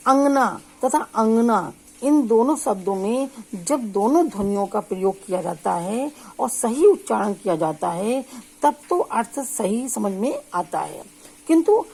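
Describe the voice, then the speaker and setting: A woman's voice: on the high side, animated, gravelly, dark tone, husky, poor audio. Woman teacher giving a phonetics lesson. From India. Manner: slow, drawn-out sample syllables with frequent check-ins. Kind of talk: spoken lecture on phonetics.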